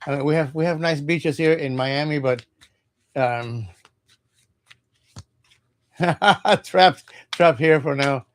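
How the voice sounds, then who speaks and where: A Cuban man with a fairly high-pitched voice reads tarot cards during a casual livestream. His talk is halting, and he often repeats his words.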